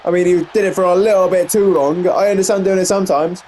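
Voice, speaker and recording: A man's voice: sits high, steady tone, fast talker, darkish tone, a little hiss or hum. A young English man casually commentating a wrestling video game, rambling and correcting himself with frequent exclamations. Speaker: gameplay commentator.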